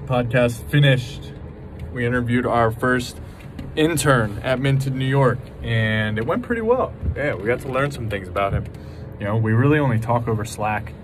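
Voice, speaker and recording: Filming himself on a phone held at arm's length, a young man in his twenties narrates a casual vlog about his small business inside an empty warehouse and office. He sounds animated at a medium pitch and moderate pace, thinking aloud through fillers and restarts amid background noise.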